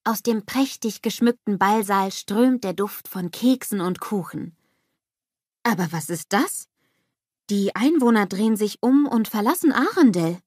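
Expressive woman narrating a storybook. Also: mid-range voice, unhurried, no echo, clean studio sound. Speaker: audiobook narrator. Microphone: close studio mic.

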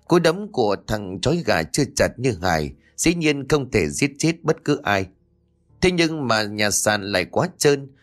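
Guy telling a horror story, lowish voice, lots of rise and fall, soft music behind. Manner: dramatic, tense. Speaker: narrator. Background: faint music.

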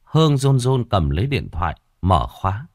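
A man with a low voice narrates a ghost story in a dramatic, expressive way. His pitch rises and falls a lot, and the recording is dry and close, with faint music underneath. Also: normal speed, dry recording.

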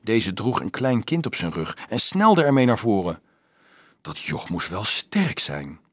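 Husky man reading a novel aloud. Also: lowish voice, a little slow, no echo, studio quality. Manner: expressive, lively storytelling. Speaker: audiobook narrator.

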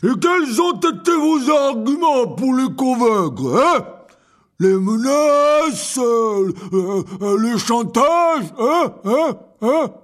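A huge hot-tempered gamekeeper in a storybook, bellowing in a loud, strained voice. He talks slowly and drags his words. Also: very high voice, lively intonation, pitched above the performer's own voice, full character voice. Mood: furious.

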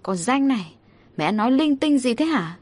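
A woman's voice: a little high, very animated, moderate pace, voice pushed up. A woman playing a harsh scolding mother. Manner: scolding, sharp, impatient. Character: harsh short-tempered middle-aged mother.

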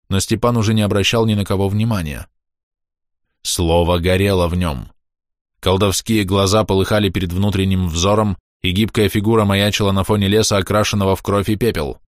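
A man narrating a dark story in a measured, tense reading voice. His voice sits on the low side and is recorded dry and close, with no room around it. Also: no room sound. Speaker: audiobook narrator. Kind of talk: dramatic audiobook reading.

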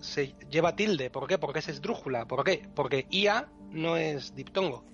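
A man's voice: a little high, moderate pace, fairly bright tone, muffled recording, faint music behind. A man patiently explaining pronunciation rules on a podcast, spelling out syllables one by one. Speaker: podcast co-host teaching Elvish pronunciation.

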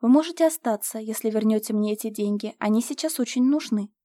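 A woman voices a young noblewoman who keeps calm and speaks with cool firmness. The voice sits a little high, close and dry, as in a storybook reading. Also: fast, no room sound, close to an everyday voice. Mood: composed. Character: calm, firm young noblewoman managing an estate.

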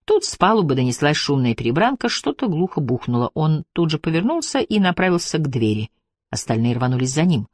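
A man reading a novel aloud as audiobook narration, steady and even. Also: on the high side, brisk, no room sound, clean studio sound. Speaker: audiobook reader. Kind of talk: scripted narration.

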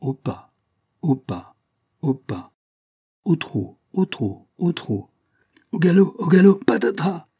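A man's voice: fairly high pitch, very animated, slow, pauses often, warm tone, breathy edge, voice pushed up, exaggerated voice. A man reading the playful sing-song chant of an older man bouncing a child on his knees.

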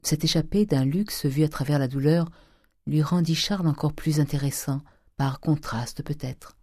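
An audiobook narrator reading a classic novel in a measured, expressive way. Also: medium pitch, no room sound, clean studio sound. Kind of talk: scripted literary narration.

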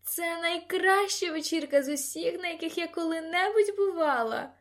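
A woman reading an audiobook, voicing a tipsy, excited teenage girl who shouts tongue twisters at a party. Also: very high voice, normal speed, pitched above the performer's own voice. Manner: shouting, giddy.

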